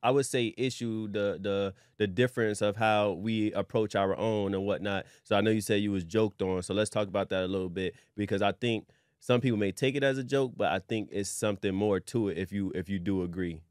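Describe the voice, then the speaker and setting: A man hosts a podcast in a relaxed, easygoing way. His voice sits low and sounds smooth and resonant. The recording is dry and close to the mic. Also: fairly quick, no echo. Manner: relaxed, conversational, frequent affirmations. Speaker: podcast host. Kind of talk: casual interview hosting.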